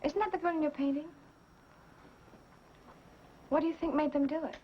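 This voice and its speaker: A woman's voice: high-pitched, fairly even intonation, moderate pace, close to an everyday voice. Actress as shaken young woman, muffled old film sound. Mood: probing, uneasy. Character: shaken, inquisitive young woman at a girls' school. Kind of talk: 1970s TV movie horror-mystery acting. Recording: dull, noisy 1970s TV film soundtrack.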